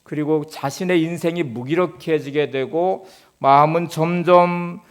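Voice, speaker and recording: Man, pastor, sermon, calm explanatory preaching, rhetorical questions, somewhat high-pitched voice. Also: a little slow, smooth.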